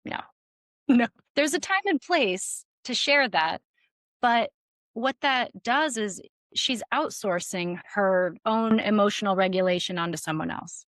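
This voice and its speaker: A middle-aged woman, a relationship coach, talking in a casual podcast interview, animated and acting out quotes with lots of fillers. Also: mid-range voice, unhurried, dry recording.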